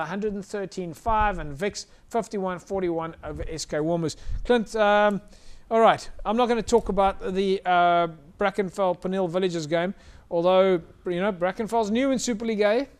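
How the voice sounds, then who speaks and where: A man's voice: high voice, normal speed, smooth. A South African man hosting a live rugby show, presenting casually in a chatty, hesitant way.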